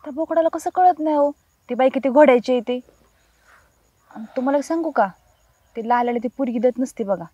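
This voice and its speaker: A chatty village woman, high voice. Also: brisk, long pauses, dark tone, slightly rough, no room sound, highs cut off. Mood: grumbling. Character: talkative village woman, a caring elder friend. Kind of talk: web series acting.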